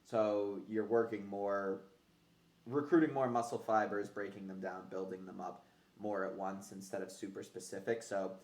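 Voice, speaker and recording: A man's voice: lowish voice, level tone, normal speed, darkish tone. A man hosting a casual fitness podcast, talking conversationally with gym-bro slang and casual swearing. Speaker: podcast host. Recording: roomy, echoey sound.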